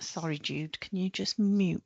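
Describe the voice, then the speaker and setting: Low-voiced woman giving brisk answers. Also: creaky, a little mellow. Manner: brief, matter-of-fact answers. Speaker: mental health team clinician. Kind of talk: webinar panel answers. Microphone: video call. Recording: dull lo-fi call audio.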